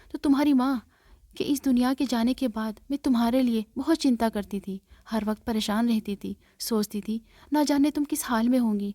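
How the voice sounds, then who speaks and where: A gentle, loving aunt from a storybook tale, tender and reassuring, voiced by a woman narrator with a warm, fairly high voice. The recording is dry and close. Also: dry recording, close to an everyday voice. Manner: tender, affectionate.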